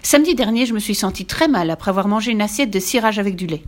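A woman's voice: mid-range voice, expressive, fast, close to an everyday voice. A woman voicing a cheeky, fearless little red-haired girl with a bold, playful manner in a storybook reading. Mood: earnest.

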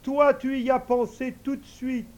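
A man voicing an invisible male servant spirit in a storybook, speaking high and excited with devotion. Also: unhurried. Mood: eager.

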